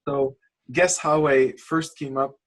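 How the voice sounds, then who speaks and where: A Lithuanian man who isn't a native English speaker coaches someone on a casual screen-share video call as a channel coach, rambling passionately and restarting often. His mid-range voice has fairly even intonation and a slow pace.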